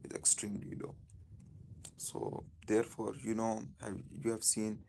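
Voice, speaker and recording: A man with a Pakistani accent speaking informally on a live stream, in halting, repetitive phrases. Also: fairly low pitch, monotone, creaky, warm tone, a little hiss or hum.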